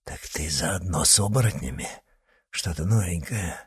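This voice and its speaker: A man's voice: expressive, moderate pace, slightly rough, heavily acted. A man doing a grim young werewolf heir. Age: young adult. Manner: low, grim questioning.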